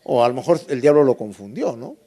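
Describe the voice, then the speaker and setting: A man's voice: mid-range voice, expressive, brisk, mellow. A man preaching a Bible lesson sermon, emphatic and asking the congregation rhetorical questions.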